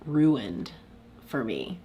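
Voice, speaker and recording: A woman's voice: rumbling low, big pitch swings, warm tone, a little hiss or hum. A young woman hosting a casual live stream, talking in a chatty, confessional way with lots of "like" and reading viewer comments aloud. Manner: chatty, confessional, with frequent "like" and quick laughs.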